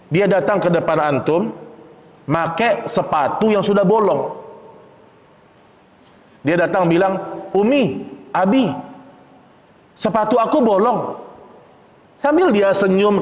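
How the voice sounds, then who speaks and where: A man preaching a casual sermon in a mosque. He talks to the men as "Pak" and acts out a child's whining pleas. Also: high-pitched. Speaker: Islamic preacher. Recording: long reverb of a mosque hall.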